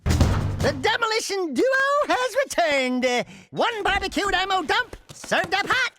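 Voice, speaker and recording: Game casting: cocky little rodent comic relief, extremely high and animated, brash joker. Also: male voice, measured pace, over music, full character voice. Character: small wisecracking male rodent sidekick, cocky. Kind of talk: video game cartoon voice acting.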